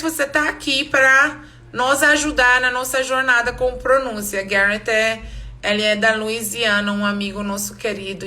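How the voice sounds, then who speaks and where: Slow, bright-voiced woman teaching a class. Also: on the high side. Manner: slow, explanatory, repeats words for students. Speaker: English pronunciation teacher. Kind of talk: live online class.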